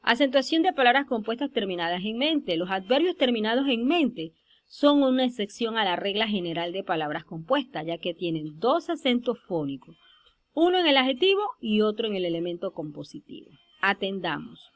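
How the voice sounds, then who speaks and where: A woman giving a spoken grammar lesson over slides, slowing down to stress example words. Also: mid-range voice, very animated. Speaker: teacher.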